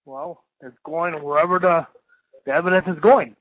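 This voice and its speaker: Halting man on a tinny prison phone line. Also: a little high, no echo. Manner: halting, hesitant replies. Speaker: inmate on a recorded call.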